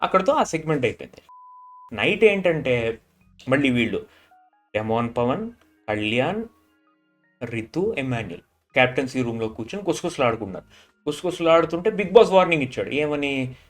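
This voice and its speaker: A man's voice: mid-range voice, big pitch swings, moderate pace, pauses often, faint music behind. A man casually recapping a reality show episode. He drops his voice when he quotes people and keeps repeating filler tags. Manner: retells scenes, dropping his voice for quoted lines.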